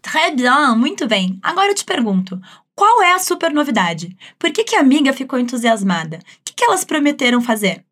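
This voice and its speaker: Uma professora de francês com sotaque brasileiro, dando aula de um jeito animado, coloquial e encorajador. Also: female voice, sits high, very animated, brisk, a bit bright. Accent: Brazilian. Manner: upbeat, chatty, encouraging. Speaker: French teacher. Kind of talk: language lesson.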